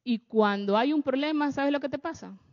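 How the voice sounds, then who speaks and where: A woman with a high voice delivers a sermon-style talk. She keeps turning to her audience with questions. Her voice rings with a long hall echo and the sound is dull and lo-fi. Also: moderate pace.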